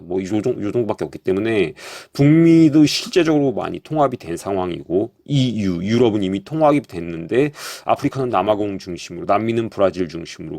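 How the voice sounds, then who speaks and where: A man's voice: fairly low pitch, gravelly, no echo, studio quality. A man explaining at length in a casual monologue, with frequent hesitations and sudden rises of emphasis. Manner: hesitant, many fillers and restarts, lively emphasis. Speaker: commentator.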